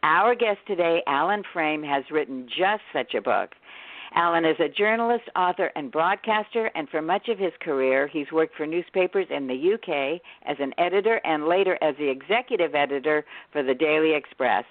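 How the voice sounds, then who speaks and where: A woman's voice: low-pitched, normal speed, no echo. An older American woman hosting a radio interview show. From United States. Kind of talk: scripted introduction and interview hosting. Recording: dry, tinny phone-like radio sound.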